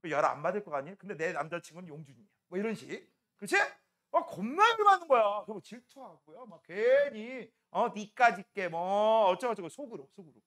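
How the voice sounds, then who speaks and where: A man's voice: high-pitched, lively intonation, fairly quick, a bit bright. A man teaching a science class, joking with students and checking with frequent questions. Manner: often asks "right?" to check understanding. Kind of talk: classroom lecture.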